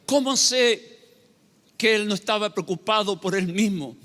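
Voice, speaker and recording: A man's voice: sits high, unhurried, fairly bright tone, long reverb tail. A man preaching a sermon as pastor, emphatic and asking his listeners rhetorical questions.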